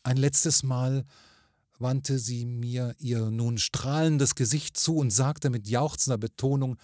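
A man narrating a ghost story in a measured, grave manner. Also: medium pitch, steady tone, a little mellow, no room sound, clean studio sound.

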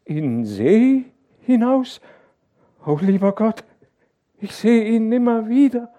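A man reading an audiobook, voicing a delirious young wife in fever who wails and cries out in terror, her voice pitched far above his own. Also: expressive, slow, mellow. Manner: wailing, crying out in fear.

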